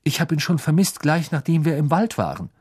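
A man's voice: on the high side, sing-song, fairly quick, a little mellow, breathy edge, dry recording, studio quality, pitched above the performer's own voice. A man voicing an earnest teenage boy wizard who insists on what he knows. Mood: insistent.

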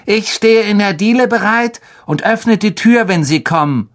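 A spoiled, plump boy putting on a forced, syrupy politeness, voiced by the narrator. His voice sits well above a grown man's and swings eagerly. A lively storybook performance. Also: medium pitch, moderate pace, pitched above the performer's own voice, lightly acted. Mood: smarmy.

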